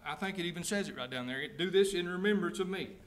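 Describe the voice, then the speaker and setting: A man preaching a sermon. He reads scripture slowly, then explains it in plain everyday words and asks the congregation direct questions. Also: high-pitched, echoey room, slight background noise. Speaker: pastor. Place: church sanctuary.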